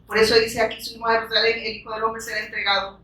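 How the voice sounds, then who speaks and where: Woman preacher, bright higher voice, delivering a fervent sermon; recorded from a distance in a reverberant church. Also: level tone, very fast. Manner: fervent, frequent rhetorical questions and amens. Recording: echoey room, distant from the mic.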